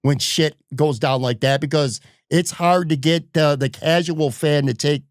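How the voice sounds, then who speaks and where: A man's voice: fairly high pitch, a little slow, no echo, clean studio sound. A man hosting a sports podcast, talking bluntly and heatedly in casual chat, swearing freely. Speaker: podcast host.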